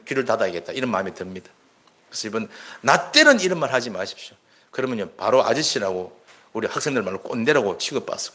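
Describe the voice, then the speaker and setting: A man's voice: medium pitch, a bit bright. A male pastor, preaching in an earnest, conversational way. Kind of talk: sermon.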